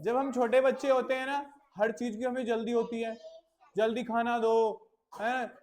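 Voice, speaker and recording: A woman's voice: a little high, level tone, moderate pace, a little mellow. A woman teaching a classroom of children, patiently repeating short phrases and drilling them again and again. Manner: patient, repetitive drilling, calls pupils "beta". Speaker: English teacher. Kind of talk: classroom phrase lesson mixing Hindi and English.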